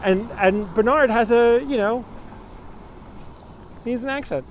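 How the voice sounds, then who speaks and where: Here a thirtysomething man with a very high-pitched voice leads a live-streamed walking tour at a measured pace. He greets viewers by name while filming outdoors on a phone at arm's length, and city traffic hums behind him.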